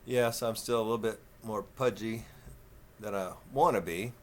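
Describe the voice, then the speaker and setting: A man in his fifties with a Texan southern twang, talking slow and folksy in a rambling, casual vlog. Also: on the low side, a little hiss or hum. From Texas. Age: 50s. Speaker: vlogger.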